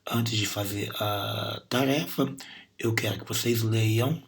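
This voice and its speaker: A man's voice: on the low side, slow pace. A Brazilian man teaching English grammar and pronunciation, patiently repeating sounds and words to demonstrate them. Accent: Brazilian Portuguese. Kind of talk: recorded class lesson.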